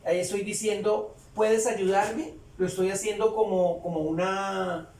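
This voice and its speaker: A man teaching English grammar in Spanish, explaining slowly and repeating phrases as he writes on a board. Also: high-pitched, steady tone, darkish tone, distant mic. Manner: slow, repeats phrases while writing. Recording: echoey room, voice away from mic.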